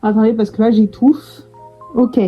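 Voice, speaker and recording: A woman's voice: on the high side, level tone, moderate pace, breathy edge, muffled recording, soft background music. A young woman chatting casually to camera in a vlog, full of fillers and restarts. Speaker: vlogger.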